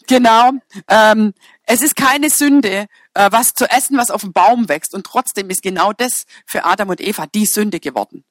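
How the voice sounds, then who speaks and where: A woman's voice: mid-range voice, moderate pace, no room sound, studio quality. A woman preaching a sermon in a chatty, humorous way, teasing her congregation and correcting herself with fillers as she goes.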